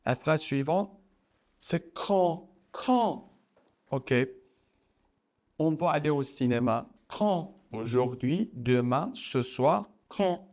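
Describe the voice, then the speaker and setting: Slow, careful man teaching phrases. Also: fairly high pitch, lively intonation, a little mellow. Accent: Persian. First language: Persian. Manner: repeats phrases, acts out example exclamations. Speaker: French teacher. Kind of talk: slow, deliberate language lesson.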